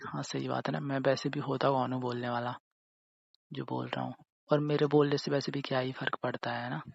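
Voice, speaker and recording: In a staged phone-call drama, a man voices a young boyfriend who is jealous and wounded, sounding hurt and sarcastic in casual conversation. He talks a little fast with vocal fry, his pitch flat and narrow, sulkily repeating himself and tacking tag questions onto every accusation. The sound is dull and lo-fi.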